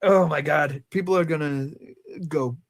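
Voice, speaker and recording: Speaking in an unhurried voice on the high side, a Rhode Island co-host of a movie countdown show trades jokes and teasing in relaxed film chat.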